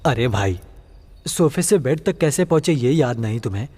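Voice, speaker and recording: A jittery, chatty comic sidekick. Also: male voice, mid-range voice, animated, moderate pace, a little mellow, slightly rough. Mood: scared. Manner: chattering, fearful, complaining. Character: jittery, talkative male comic sidekick, easily scared. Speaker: dub actor. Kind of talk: Hindi film dub acting.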